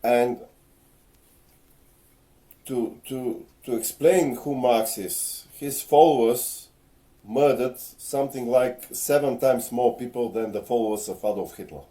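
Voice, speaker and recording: A slightly tipsy man lectures earnestly from his home, his voice dark and mellow at a middling pitch. He stops often to search for words with small hesitant fillers. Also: slow. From Bulgaria. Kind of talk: casual on-camera rant. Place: home, in front of a ring light.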